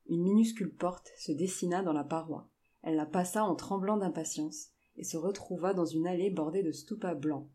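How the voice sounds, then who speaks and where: A woman reading a novel aloud in measured, even scripted narration. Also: fairly low pitch.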